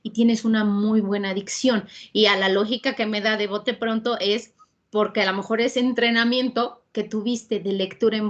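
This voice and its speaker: A woman's voice: medium pitch, muffled recording. A woman with a Mexican accent asking questions as an interviewer on a video call, rambling and thinking aloud.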